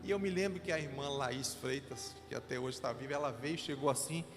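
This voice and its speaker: Pastor preaching in a reverberant hall. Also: male voice, medium pitch, fairly quick, music in the background. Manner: earnest, emotional storytelling. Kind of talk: sermon with personal testimony. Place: church sanctuary.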